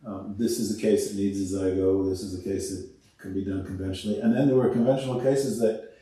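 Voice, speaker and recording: A man, an oral surgeon talking shop in an interview, pausing and restarting his sentences often. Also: deep voice, steady tone, warm tone. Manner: halting, many restarts and self-corrections. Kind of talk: conversational interview. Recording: roomy, distant mic.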